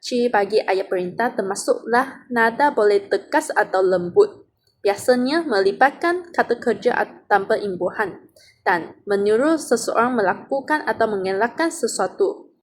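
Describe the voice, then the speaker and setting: Woman calmly reading a grammar lesson. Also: medium pitch, normal speed, slight background noise. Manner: steady, methodical reading with example sentences. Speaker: student presenting an assignment. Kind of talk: read-aloud grammar explanation.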